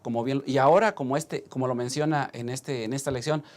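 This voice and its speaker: A man's voice: mid-range voice, steady tone, brisk, a little mellow. A pastor with a Mexican Spanish accent, discussing a church lesson, hesitating and restarting as he thinks aloud.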